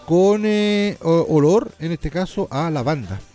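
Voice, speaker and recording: A man's voice: fairly high pitch, lively intonation, measured pace, warm tone. A man presenting a natural health sales programme informally, explaining didactically and often checking in with short tag questions. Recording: faint music behind the voice.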